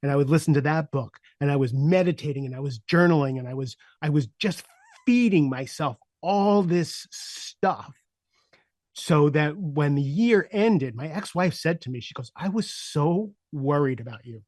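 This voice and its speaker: A man in his sixties, a podcast guest, telling his personal story candidly and reflectively, with frequent "uh" fillers and a voice that sinks softer at heavy moments. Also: fairly high pitch, normal speed, no room sound, clean studio sound. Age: 60s.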